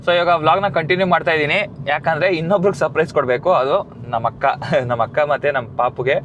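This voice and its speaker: A man's voice: on the high side, brisk, a bit bright, muffled recording, slight background noise. A young man, chatting casually and teasingly in a vlog and mixing in English words. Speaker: vlogger.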